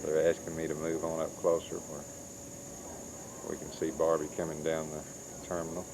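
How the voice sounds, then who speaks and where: A man with a very deep voice narrates a family trip as he films, chatty and tour-guide-like. His voice comes through the camcorder's own mic with a steady hiss in the background, the sound of old camcorder audio. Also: moderate pace. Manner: chatty, travelogue-style commentary. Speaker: home video cameraman. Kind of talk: narrating a family home video. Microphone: camcorder's built-in mic. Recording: hissy old camcorder recording.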